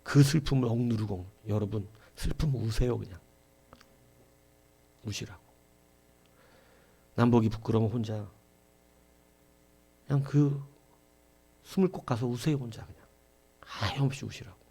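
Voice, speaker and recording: A middle-aged male pastor preaching a Sunday sermon with passion, dropping to a hush and rising to shouts, acting out quoted voices. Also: medium pitch, measured pace, gravelly, pauses often, slightly rough. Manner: impassioned preaching, swinging from hushed to shouting.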